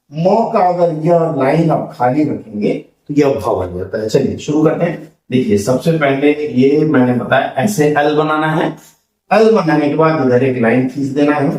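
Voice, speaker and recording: A man's voice: on the high side, darkish tone. A man teaching the Hindi alphabet step by step, patiently repeating each letter as he draws it. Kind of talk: slow step-by-step alphabet lesson. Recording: roomy sound from a distance.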